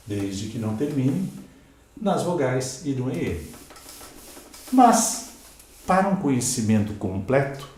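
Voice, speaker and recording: A Brazilian man, a Portuguese teacher with a Brazilian Portuguese accent, teaches a grammar lesson at a board in a very echoey space. His mid-range voice has a darkish tone. He explains step by step, spells out letters, and checks in with listeners using "né?" and "ok?"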